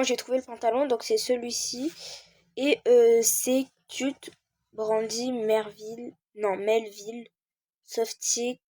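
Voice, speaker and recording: Soft-voiced girl with many fillers. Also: fairly high pitch, dry recording, studio quality. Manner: hesitant, many "euh" fillers, talks while searching. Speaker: game tutorial creator. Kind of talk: casual screen-recorded tutorial.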